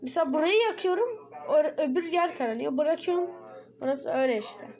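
A woman's voice: high voice, expressive, brisk, darkish tone. A woman giving let's play commentary on a horror game, jumpy and frightened, swearing and shrieking often. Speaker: gaming video creator.

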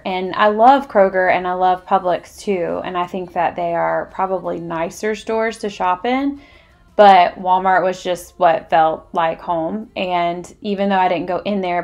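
A woman, chatting earnestly to her viewers in a casual voice-over, with rambling asides. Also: lowish voice. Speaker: vlogger.

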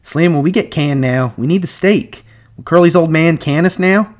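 Man acting George, an urgent, high-pitched ranch hand. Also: normal speed, close to an everyday voice. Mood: worried. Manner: urgent, insistent, rustic American speech. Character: anxious, bossy ranch hand, Lenny's protector.

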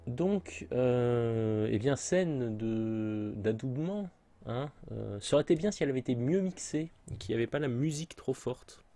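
A man's voice: medium pitch, animated, moderate pace, warm tone, soft background music. A man giving casual let's play commentary with sarcastic, joking asides. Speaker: gamer commentator.

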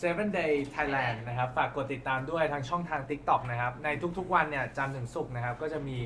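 A man's voice: medium pitch, a little fast, slight background noise. A male guest on a live stream, plugging a channel politely. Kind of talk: casual live-stream chat. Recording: echoey room with loud crowd.

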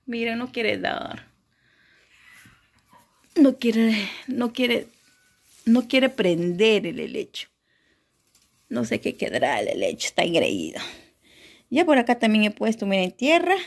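A middle-aged woman with a Peruvian accent, talking in a brightly raised voice as she vlogs from her home. She is chatty and excitable and keeps speaking straight to her followers. The sound is a casual phone recording made among her potted plants. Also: on the high side, gravelly. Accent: Peruvian Spanish. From Peru. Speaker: vlogger. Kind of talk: casual home vlog chat.

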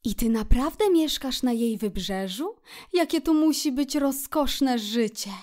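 Brief: woman reader as a young male mole, shy but bursting with excitement, high and bright. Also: measured pace. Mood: wondering. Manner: eager, breathless with wonder. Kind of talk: audiobook character voice.

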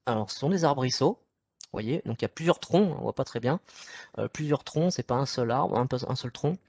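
A man's voice: medium pitch, animated, fairly quick, a little mellow, no room sound. A man with a French accent giving an informal online nature lecture from home, chatty, with many fillers and restarts as he talks through his slides. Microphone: computer mic at home.

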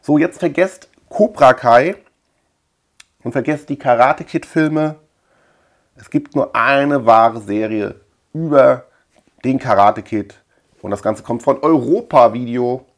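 Gravelly and medium-pitched, a middle-aged German man hosts his channel as a video collector. Surrounded by tape-lined shelves indoors, he chats informally through a collection show-and-tell, rambling and repeating himself.

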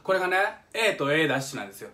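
A middle-aged man with a Kansai Japanese accent eagerly explains music on a live stream from his home kitchen, talking very fast in a very animated, highish voice. Chatty, he hums examples and reads out viewer comments, picked up by a phone or webcam.

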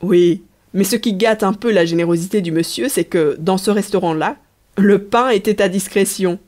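A woman reading a novel aloud as an audiobook narrator, in a measured storytelling manner. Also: medium pitch. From Belgium. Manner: measured storytelling, lively dialogue. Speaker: audiobook reader. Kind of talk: scripted narration.

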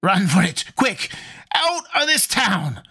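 A man voicing a terrified, raving old drunkard who shouts shrilly in rustic dialect. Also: sits high, very animated, slow pace, breathy edge, voice pushed up, heavily acted. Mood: panicked.

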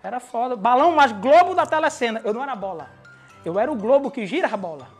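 A woman delivers self-mocking stand-up at a fast clip. Her voice is fairly high, with faint music in the background. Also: animated, slightly rough. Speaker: stand-up comedy contestant. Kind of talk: stand-up comedy.

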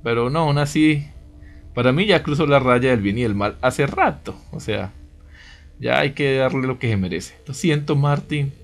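Comentarista colombiano de videojuegos con música de fondo. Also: male voice, mid-range voice, moderate pace. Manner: chatty, reacts with exclamations and asides. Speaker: video game let's play host. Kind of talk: casual playthrough commentary, reading game dialogue aloud. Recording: music behind the voice. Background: game music.

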